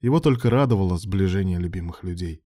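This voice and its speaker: A man narrating a romance audiobook in an even, measured reading. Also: low-pitched, no room sound, studio quality.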